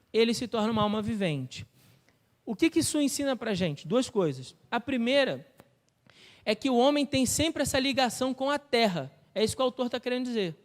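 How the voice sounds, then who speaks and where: A man with a Brazilian Portuguese accent preaching a sermon as pastor of a church, teaching step by step and asking the congregation questions. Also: very high-pitched. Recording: long reverb of a church hall.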